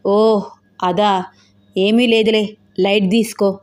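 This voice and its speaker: A laid-back man who brushes things off with a shrug in his voice, as a woman narrator reads him. He chats easily and casually, at a middle pitch, in a storybook audio drama. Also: flat delivery, slow, a little mellow, lightly acted. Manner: offhand, chatty. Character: easygoing male friend, dismissive and casual. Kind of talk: audio novel dialogue.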